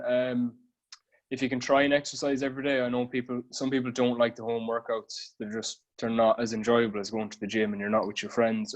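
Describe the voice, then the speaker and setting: A Galway man with a west of Ireland accent and a fairly low voice explains things informally. He is a personal trainer appearing as a guest on a casual podcast interview.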